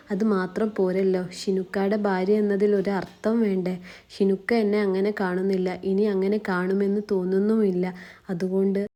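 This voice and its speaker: A gentle, heartbroken young wife, as a woman storyteller puts her on, speaking in a soft and mellow voice with a lilt. Her tone stays level and flat, hardly rising, and she keeps a quiet, even plea running through the storybook telling. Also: mid-range voice, lightly acted. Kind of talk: storytelling narration.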